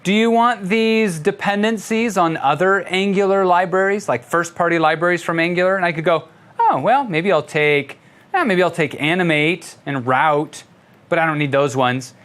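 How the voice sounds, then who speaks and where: A man's voice: sits high, moderate pace, fairly bright tone. Chuckling older man demonstrating code. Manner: playful, chuckling while demonstrating. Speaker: instructor. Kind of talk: live coding tutorial.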